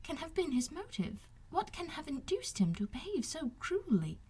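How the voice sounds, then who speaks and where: A woman voicing a spirited young gentlewoman in an audiobook, speaking in emphatic, formal period phrases. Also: high voice, very animated, moderate pace, voice pushed up. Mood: puzzled. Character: spirited young gentlewoman, shocked and indignant, easily sympathetic. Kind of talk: audiobook character dialogue.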